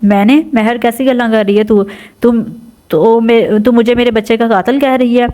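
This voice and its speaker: A woman's voice: on the high side, steady tone, dark tone, close to an everyday voice. A woman voicing a cruel, arrogant young male landlord who talks with contempt. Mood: contemptuous. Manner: contemptuous, bullying.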